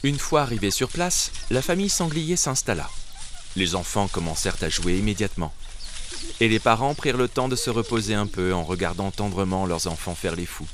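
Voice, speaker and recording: A man narrating a children's storybook in a gentle, expressive way. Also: on the low side, fairly quick, a little hiss or hum.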